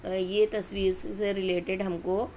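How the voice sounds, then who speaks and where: A woman teacher giving a recorded lesson, patiently explaining step by step and reading English examples slowly. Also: mid-range voice, level tone, darkish tone, a little hiss or hum.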